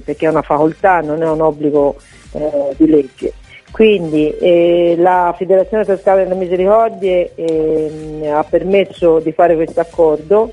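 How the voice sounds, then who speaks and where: A woman calling in to a radio interview on a poor-quality phone line while on duty, talking haltingly with many fillers and restarts. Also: on the low side. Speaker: volunteer association head, phone-in guest.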